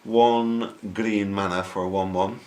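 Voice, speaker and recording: A man's voice: fairly low pitch, steady tone, measured pace, darkish tone, slight background noise. A man casually chatting through card reviews, joking and slipping into silly voices. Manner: jokey, breaks into silly put-on voices. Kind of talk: casual chat.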